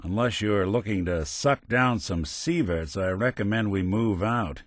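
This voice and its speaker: An actor voices a middle-aged, world-weary synth robot detective in scripted noir companion dialogue for a video game. His low, unhurried voice carries a wry, sardonic, old-time tough-guy manner, recorded as clean studio sound with no room sound.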